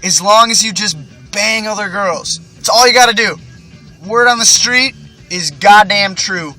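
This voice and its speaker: High, bright-voiced man rambling a story. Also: measured pace, soft background music. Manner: profane, rambling, boastful. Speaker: vlogger. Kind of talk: casual storytelling monologue.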